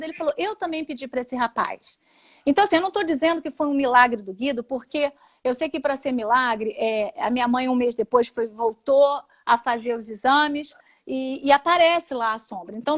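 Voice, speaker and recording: A woman with a Brazilian Portuguese accent and a high voice tells a heartfelt personal testimony. She speaks as a guest in an interview, animated and expressive, and slips into the voices of the people in her story.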